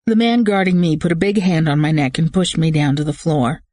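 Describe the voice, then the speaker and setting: An audiobook narrator reading a first-person thriller with steady, tense storytelling. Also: mid-range voice, brisk, no room sound.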